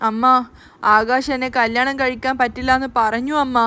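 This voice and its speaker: A woman voicing a heartbroken young woman who pleads tearfully with her family, speaking slowly. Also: sits high, flat delivery, pushed and bright, a little hiss or hum. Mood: tearful pleading.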